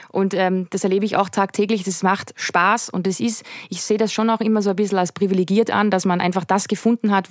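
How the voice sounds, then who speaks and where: A woman's voice: mid-range voice, dry recording. Upbeat woman hosting a podcast, dry sound. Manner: warm, affirming, asks questions. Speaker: podcast host. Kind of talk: interviewing.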